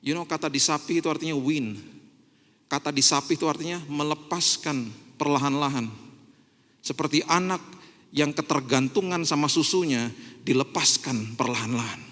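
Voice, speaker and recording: A man preaching a sermon in a church, animated and swinging between loud exclamations and quiet musing, with English words mixed in. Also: a little high, moderate pace. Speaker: pastor. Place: church hall. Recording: long church hall reverb.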